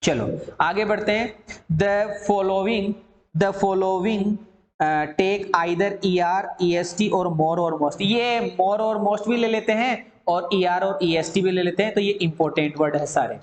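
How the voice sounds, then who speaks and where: A man's voice: high voice, slow, reverberant. A man teaching an English grammar lesson, drilling word forms in lists and asking and answering his own questions.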